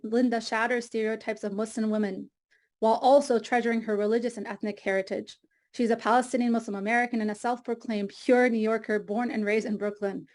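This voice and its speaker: A woman's voice: a little high, a little mellow. A woman moderating an online meeting, reading formal introductions of panelists from a script over a video call. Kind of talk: read introductions. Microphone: computer mic on a video call.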